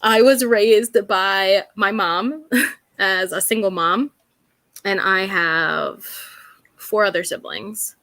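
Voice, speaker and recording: A woman's voice: medium pitch, slow pace, sharp tone, no room sound. A woman co-hosting a casual podcast as a mother of two, chatty and laughing between phrases. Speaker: podcast co-host. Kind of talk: casual chat.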